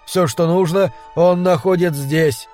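A man's voice: high voice, steady tone, a little slow, a little mellow, faint music behind, voice pushed up. A man voicing a desperate, anguished husband pleading for help against a vampire. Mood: hopeless. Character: desperate middle-aged man haunted by a vampire. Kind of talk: audiobook character reading.

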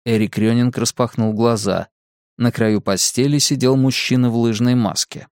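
A man's voice: mid-range voice, fairly even intonation, normal speed, a little mellow, dry recording, clean studio sound. Man narrating a thriller audiobook.

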